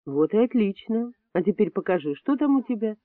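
Man playing a calm firm doctor. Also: sits high, fairly quick, dry recording, voice pushed up. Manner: quiet, weighty, reasoning. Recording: dry, tinny phone-like sound.

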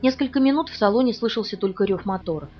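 A woman narrating an audiobook in the first person, in a brisk, steady manner. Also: fairly high pitch. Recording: dull distant audio with music behind.

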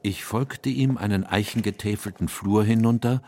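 An actor playing an earnest, troubled doctor who narrates a radio drama in a measured, reflective way. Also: male voice, fairly low pitch, darkish tone, slight background noise, lightly acted. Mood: sombre reflection.

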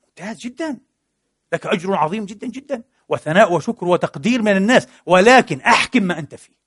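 A man's voice: sits high, fairly bright tone, no room sound, studio quality. A man giving a philosophy lecture, asking questions and answering them himself, mixing formal with colloquial words. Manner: asks and answers his own questions.

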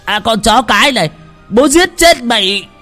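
A man voicing a drunken, brutal village bully with a slurred, coarse, shouting voice. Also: fairly high pitch, steady tone, very slow, creaky, clear, resonant tone, soft background music, pitched above the performer's own voice, heavily acted. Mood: menacing.

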